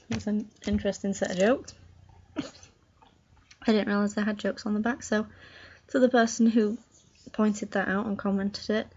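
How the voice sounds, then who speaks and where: A woman with the hiccups chats through a casual home vlog at an unhurried pace. She reads jokes aloud in a halting way and laughs at her own slips. The recording sounds a little dull and lo-fi. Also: medium pitch, warm tone. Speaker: vlogger. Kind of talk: casual video chat.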